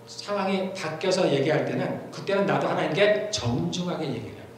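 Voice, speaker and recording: Middle-aged male pastor, fairly high voice, conversational sermon with repeated phrases, heavy church echo. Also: expressive, fairly quick. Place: church sanctuary. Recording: very echoey church hall, faint noise.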